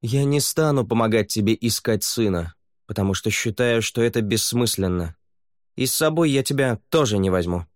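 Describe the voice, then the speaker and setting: Мужчина-чтец озвучивает суровую, закалённую воительницу-полукровку, говорящую резко и отрывисто. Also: male voice, on the low side, expressive, moderate pace, dry recording, clean studio sound, voice pushed up, lightly acted. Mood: harsh. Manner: blunt and curt. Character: stern, hardened half-blood woman warrior.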